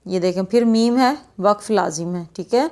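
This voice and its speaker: A woman teaching children Quran recitation in a lesson, patient and encouraging, drawing out the verses slowly and then explaining quickly. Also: mid-range voice, darkish tone.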